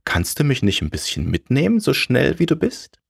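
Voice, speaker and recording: A man voicing a cheerful, curious little tailor in a storybook tale, talking in a bright, lively, friendly way. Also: medium pitch, normal speed, vocal fry, husky, no room sound, studio quality, pitched above the performer's own voice, heavily acted.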